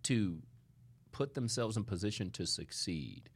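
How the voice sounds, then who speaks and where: A man hosting a studio interview podcast, speaking emphatically and warmly to his guest. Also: lowish voice, very animated, unhurried, gravelly, slightly rough. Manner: warm, emphatic, calls guest "sister". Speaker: podcast host.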